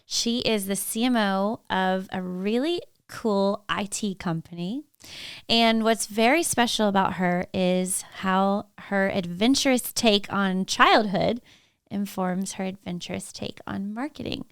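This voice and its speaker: Enthusiastic woman podcast host, mid pitch, crisp dry voice. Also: a little slow, dry recording. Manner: upbeat, enthusiastic. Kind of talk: interview host, casual chat.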